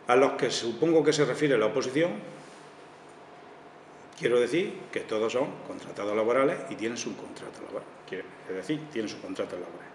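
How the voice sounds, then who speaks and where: A man's voice: mid-range voice, slight background noise. A man, a town councillor giving a press conference statement, earnest and tagging his sentences with little checks. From Spain. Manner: tags sentences with "vale" and "eh", earnest. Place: town hall press room. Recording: echoey hall with long reverb, faint ambience.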